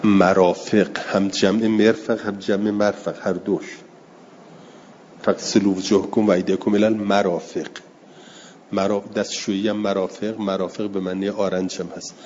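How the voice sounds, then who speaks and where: A man teaching a class on a religious text, reading passages slowly and then explaining them plainly while taking students' questions. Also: fairly low pitch, flat delivery, a little mellow. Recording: dull lo-fi recording in a long-reverb hall with faint noise.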